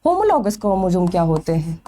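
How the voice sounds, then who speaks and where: Lively-voiced woman teaching biology. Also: lowish voice, brisk. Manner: asks questions then answers them herself, stretching key terms. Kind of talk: exam-prep lecture.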